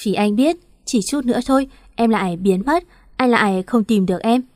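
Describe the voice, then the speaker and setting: A woman reading the lines of a grieving, remorseful young man who pleads softly. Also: on the high side, normal speed, dry recording, studio quality, close to an everyday voice. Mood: tender.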